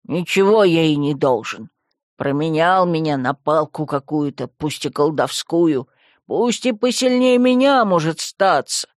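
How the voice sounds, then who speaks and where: A woman doing a gruff grumpy skull staff. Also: deep voice, lively intonation, measured pace, dry recording, clean studio sound, pitched below the performer's own voice. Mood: gruff, urgent. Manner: gruff, scolding, rude. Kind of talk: audiobook character voice.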